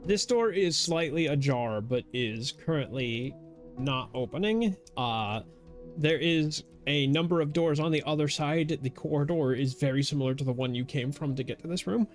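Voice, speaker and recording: A man's voice: a little high, normal speed, soft background music. Upbeat man running a tabletop game. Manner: laughs often, relaxed narration. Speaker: game master.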